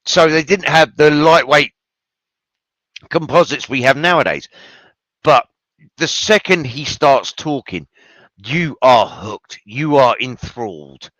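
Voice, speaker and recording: A man's voice: medium pitch, animated, slow, long pauses, fairly bright tone, no echo, poor audio. A man hosting a show, giving casual, enthusiastic film commentary with rambling asides and free swearing. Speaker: podcast host.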